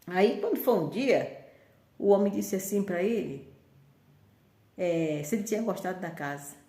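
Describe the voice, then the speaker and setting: A woman's voice: lowish voice, expressive, measured pace, warm tone. Brief: female storyteller, conversational and meandering, recorded in a roomy, echoing space. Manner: rambling, conversational with frequent restarts. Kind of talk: casual folk-tale storytelling. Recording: roomy echo.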